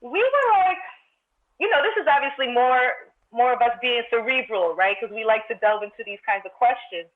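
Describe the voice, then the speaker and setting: A woman with a higher, expressive voice and a moderate pace joins a casual podcast from Brooklyn, New York, over a tinny phone-like call. She talks things through thoughtfully and reflectively, restarting often.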